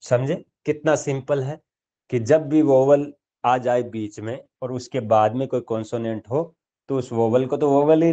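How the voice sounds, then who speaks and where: A man's voice: medium pitch, warm tone, highs cut off. A man teaching English grammar, stretching out each example word and checking in often with his listeners. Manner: explains step by step, says example words slowly and drawn out; checks in often with "thik hai" and "dekho". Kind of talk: grammar lesson.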